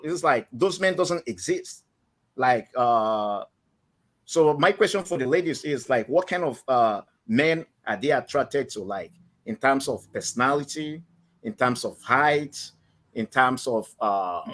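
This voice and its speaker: A Nigerian man with a medium-pitched, slightly bright voice calls in to a live stream show. He speaks in a Nigerian accent, hesitantly, full of fillers and restarts.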